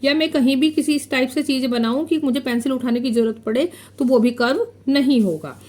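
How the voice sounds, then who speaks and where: High-voiced woman teaching a maths lesson. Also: darkish tone. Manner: asks the class questions and answers them herself; repeats key terms slowly while drawing on a board. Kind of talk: classroom lesson explaining geometry.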